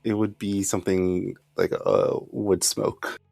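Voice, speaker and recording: Brief: young male player, low voice, halting laughing delivery, dead-dry sound. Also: little pitch movement, creaky, darkish tone, no room sound, soft background music. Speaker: player on the show. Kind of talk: casual behind-the-scenes chat.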